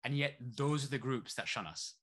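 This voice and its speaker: Crowd noise surrounds a man of medium pitch speaking at a normal pace. He's an activist guest in a conversational interview, raised between Saudi Arabia and East London, who talks animatedly and loves a rhetorical question.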